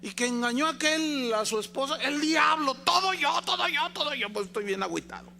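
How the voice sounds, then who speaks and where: A man's voice: very high voice, expressive, a little fast, vocal fry, sharp tone, a little hiss or hum, voice pushed up, heavily acted. A man voicing a sulking, fed-up male devil who complains in a whiny, self-pitying way about being blamed for everything. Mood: aggrieved.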